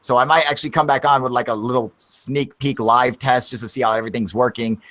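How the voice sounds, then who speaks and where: A man's voice: medium pitch, fairly even intonation, fast talker, a bit bright. A man hosting a livestream in casual, profane chat, laid-back and calling everyone dude. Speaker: livestream host.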